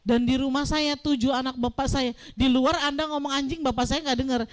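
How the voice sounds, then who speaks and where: High-voiced woman pastor preaching. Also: fairly quick. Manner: animated storytelling, acting out dialogue. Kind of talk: sermon.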